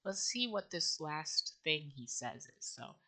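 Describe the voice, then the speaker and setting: This casual think-aloud vlog features a woman learning a language by herself on camera, sounding out syllables playfully and mocking herself. Her low voice is sing-song, pushed and bright, at a measured pace.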